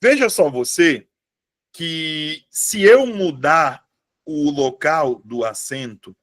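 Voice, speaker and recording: A man teaches a live online class. His voice sits a little high for a man, and he keeps up a chatty, informal tone. He checks in with his viewers often as he talks. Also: animated, takes it slowly, a bit bright. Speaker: online exam-prep teacher.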